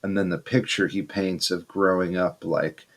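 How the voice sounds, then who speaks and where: Low-voiced dude on a podcast, earnest, lots of ums. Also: male voice, fairly even intonation, moderate pace. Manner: earnest, hesitant, lots of fillers. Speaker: podcast co-host. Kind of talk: casual chat.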